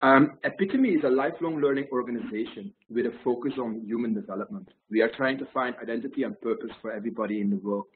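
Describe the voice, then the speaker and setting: A man's voice: mid-range voice, quick pace, few pauses. Guy in his 30s from belgium giving a keynote over a phone-thin call line, light hiss behind. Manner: loose, talkative, uses fillers. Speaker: guest speaker. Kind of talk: keynote talk on video call. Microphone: video call webcam. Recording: tinny call audio, faint noise.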